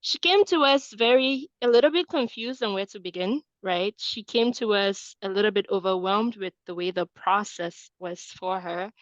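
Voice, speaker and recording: A Cameroonian admissions coach in her thirties presents a webinar, often tacking "right?" onto her points. Her voice is mid-range, and the recording is lo-fi but free of echo.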